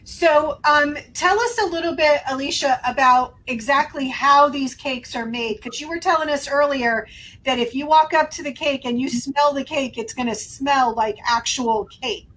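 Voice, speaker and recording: A woman's voice: high voice, moderate pace, fairly bright tone, slight background noise, rough recording. A woman in her fifties hosting a podcast interview, upbeat and encouraging in casual chat. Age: 50s. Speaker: podcast host.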